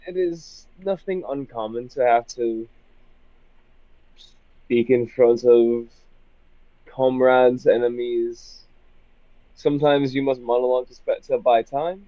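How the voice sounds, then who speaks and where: A man's voice: medium pitch, dry recording. Man on dull phone voice chat. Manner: formal, stiff military-officer roleplay with halting restarts. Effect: heard through group voice chat on a phone. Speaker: tabletop game player. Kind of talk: in-character roleplay and casual chat. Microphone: phone microphone. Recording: dull lo-fi voice chat audio, dry.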